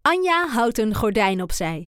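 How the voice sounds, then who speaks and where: A woman reading a children's storybook aloud in a calm, clear storytelling voice. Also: fairly high pitch, a little slow, no echo, clean studio sound. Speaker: storybook reader.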